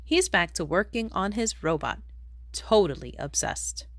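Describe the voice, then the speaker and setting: Her pitch ranging widely, a woman gives a slow, expressive reading of a rhyming picture book for young kids. The recording is dry, with very little room sound and no echo.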